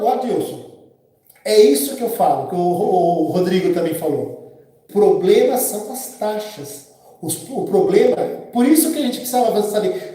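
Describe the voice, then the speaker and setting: A Brazilian man in his 50s, with an extremely high yet mellow voice, hosts a casual live stream from a very echoey room. He chats with viewers by name, rambling and voicing plenty of opinions.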